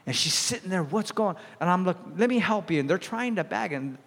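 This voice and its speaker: A man's voice: brisk, creaky, slightly rough, in a large hall. A man preaching a sermon, telling stories and acting out quotes with sudden jumps in his voice. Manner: animated, acts out quotes with sudden pitch jumps. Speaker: pastor. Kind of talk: sermon with storytelling.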